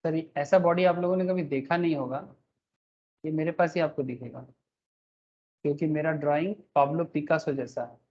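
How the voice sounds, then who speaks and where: Teaching tax online, this man pokes fun at his own drawings, addresses students as "sir," and slips in English terms. He speaks a little high at a moderate pace with long pauses, on lo-fi sound.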